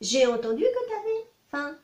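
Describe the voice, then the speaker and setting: A woman voicing a cheeky, teasing little rabbit in a spoken storybook tale, with a high, bouncy, mocking voice. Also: sing-song, moderate pace, darkish tone, dull audio. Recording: echoey room.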